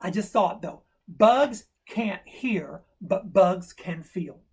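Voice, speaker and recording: An eager young schoolboy, insistent and wide-eyed, his voice pitched high above the storyteller's own and carrying a husky edge, as a man puts him on mid-story. The boy pushes hard to be heard. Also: very fast. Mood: excited. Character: excited curious young schoolboy.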